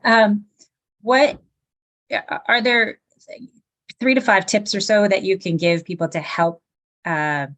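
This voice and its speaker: A woman's voice: medium pitch, slow pace, pauses often, fairly bright tone. A woman hosting a podcast, asking loose, rambling questions in a casual way. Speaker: podcast host.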